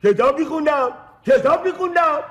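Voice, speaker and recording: A man voicing a tiny creature puppet on a children's TV show, shrill and excitable, repeating its words.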